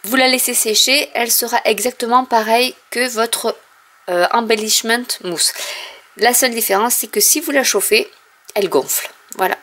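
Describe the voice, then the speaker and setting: Gravelly-voiced woman chatting about crafts. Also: a little high, moderate pace, a bit bright. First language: French. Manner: chatty, explanatory, many fillers. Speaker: craft vlogger. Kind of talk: casual product haul. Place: home craft room.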